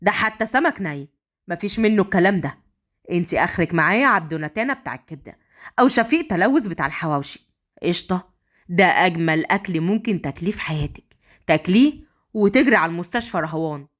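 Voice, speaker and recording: A gruff, commanding young husband from a storybook romance, voiced by a woman reader. The voice sits low and rough, bossing and teasing in turn, and the pitch swings widely between lines. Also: expressive, quick pace, lightly acted. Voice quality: rough, lowered voice. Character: gruff domineering young husband, brash and joking.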